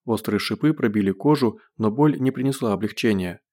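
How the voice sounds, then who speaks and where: A man narrating an audiobook in a steady, measured reading. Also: lowish voice.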